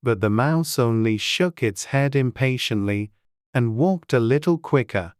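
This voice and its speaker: A woman's voice: a bass voice, lively intonation, measured pace, darkish tone, dry recording, clean studio sound. A woman narrating a classic storybook in a dramatized audiobook reading.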